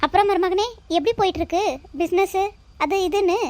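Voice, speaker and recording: A woman's voice: extremely high pitch, brisk, a little mellow, no room sound. A woman voicing a nosy, blunt middle-aged uncle in a cartoon, teasing and insulting his nephew with pushy questions. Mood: needling.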